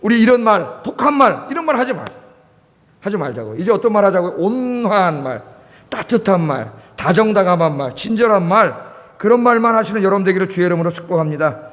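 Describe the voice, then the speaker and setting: A middle-aged Korean pastor preaches a sermon in a church sanctuary, his high, sing-song voice moving fairly quickly. He asks the congregation questions and repeats key words, and the recording carries the reverb of the church hall.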